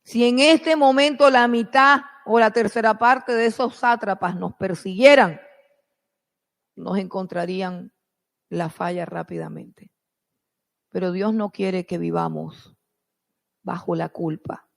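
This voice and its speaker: A preacher delivers a sermon in a slow, measured cadence with a gravelly edge to the voice. Phrases come back again and again for emphasis, and the loudness climbs in bursts before sinking to near a hush. The sound carries the long reverb of a large hall. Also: medium pitch, steady tone. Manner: dramatic retelling with sudden swells and drops in loudness.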